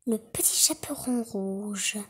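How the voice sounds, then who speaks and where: A woman's voice: medium pitch, lively intonation, slow, fairly bright tone, husky, exaggerated voice. A woman voicing a naive, trusting little girl in a children's storybook reading. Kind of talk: storybook read-aloud.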